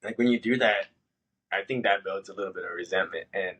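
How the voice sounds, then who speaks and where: A man telling a story in casual podcast chat, swearing freely and jumping into high-pitched voices when he quotes himself. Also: brisk, fairly bright tone, slightly rough, low-quality recording. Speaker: podcast host.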